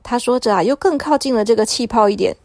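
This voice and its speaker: A woman narrating a children's bedtime story in a gentle storytelling manner. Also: a little high, fast, dry recording, clean studio sound. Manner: warm, soothing storytelling.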